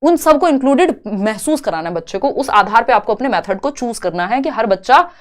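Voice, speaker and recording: A woman's voice: a little high, animated, fairly quick. A woman teaching an exam-prep lesson in a chatty, reassuring way, mixing into her talk. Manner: chatty, reassuring, mixes Hindi with English terms. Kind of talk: online exam coaching lesson.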